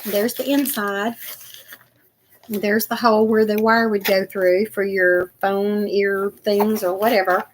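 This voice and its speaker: A woman's voice: medium pitch, little pitch movement, slow, slight background noise. An older woman chatting casually and rambling to viewers as she unboxes craft supplies. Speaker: crafting vlogger.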